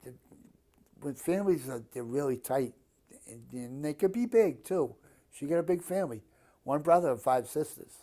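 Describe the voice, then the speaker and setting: Speaking at normal speed in a fairly high, warm and animated voice, a man from the Boston area of Massachusetts chats casually with an interviewer. He's in his fifties, with a Boston accent, and he talks bluntly and plainly, swearing freely.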